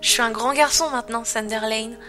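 A woman's voice: on the high side, brisk, bright, forceful tone, faint music behind. A woman voicing a cheerful young boy pony in a storybook reading. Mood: sleepy.

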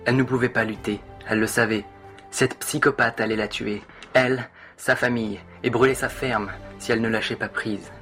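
A man with a bright, forceful voice narrating a dramatic story, leaning into each moment with expressive, theatrical delivery. Soft music runs in the background. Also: medium pitch, normal speed.

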